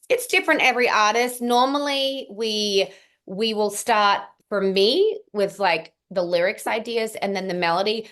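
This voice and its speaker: In a casual interview, a young female singer-songwriter with a mid-range, slightly bright voice chats at length. She speaks with a mixed Australian and American accent, using lots of ums and long run-on answers.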